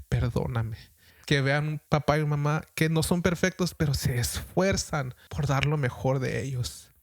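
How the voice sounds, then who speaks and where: A man's voice: fairly high pitch, no echo. A middle-aged man, a pastor, preaching an earnest, exhorting podcast sermon with many repeated phrases.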